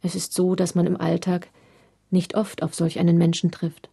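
A woman's voice: lowish voice, monotone, moderate pace, creaky, warm tone, husky, no echo, clean studio sound. A woman voicing a chatty, curious young woman traveler who speaks politely.

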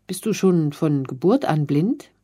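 A woman's voice: low-pitched, very animated, measured pace, mellow, breathy edge, full character voice. A woman reading the part of a curious, friendly young boy in a storybook. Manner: eager questioning.

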